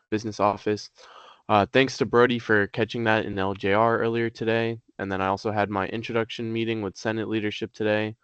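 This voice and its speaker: A man's voice: on the low side, smooth, no room sound. A young man, the attorney general, giving a matter-of-fact report on rule changes. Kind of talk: meeting report.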